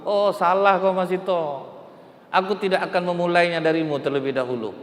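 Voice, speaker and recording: A man's voice: on the high side, fairly even intonation, moderate pace, voice pushed up, lightly acted. A man playing a cruel, arrogant tyrant king who barks orders in an echoey hall. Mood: cruel, commanding. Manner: commanding, shouting orders. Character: arrogant tyrant king Pharaoh, male, booming.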